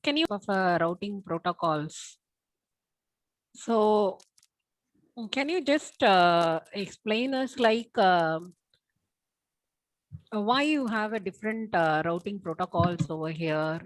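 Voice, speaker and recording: A woman joining an online workshop over a video call that keeps breaking up, asking halting questions full of fillers. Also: mid-range voice, animated, dry recording, low-quality recording. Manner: hesitant, halting with many fillers.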